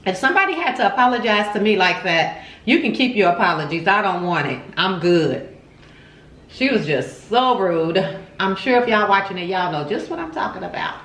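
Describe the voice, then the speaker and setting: In a roomy, echoey home recording, a vlog host runs a casual mukbang, eating and chewing as she talks expressively and repeats words for emphasis. She speaks at normal speed in a medium, sing-song, slightly bright voice.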